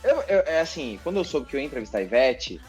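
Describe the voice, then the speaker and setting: Speaking fast at a medium pitch over faint background music, a TV journalist and presenter with a Brazilian accent guests on a podcast. He relays a story casually and expressively, leaning on repeated words for emphasis.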